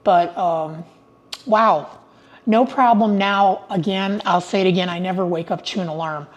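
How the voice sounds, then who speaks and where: A woman's voice: lowish voice, unhurried, dull audio. An older woman in retirement chatting casually to her viewers from her home, upbeat and prone to digressions. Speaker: retiree vlogger. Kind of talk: casual vlog monologue.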